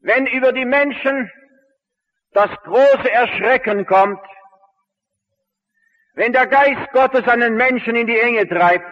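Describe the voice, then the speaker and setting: A man's voice: very high voice, long reverb tail, highs cut off. A male pastor telling a story from the pulpit, earnest, acting out the dialogue he quotes. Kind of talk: storytelling sermon.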